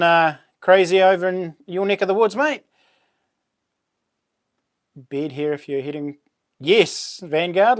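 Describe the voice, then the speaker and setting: A man's voice: sits high, no echo, clean studio sound. A man with a broad New Zealand accent chatting casually and informally as a livestream host, full of matey slang. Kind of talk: casual live chat with viewers.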